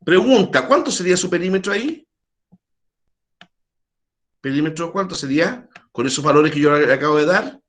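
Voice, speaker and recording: Male math teacher on a video call, fairly high and animated, chatty, questions students. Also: moderate pace, long pauses. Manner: quizzes students, chatty asides. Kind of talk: virtual math class.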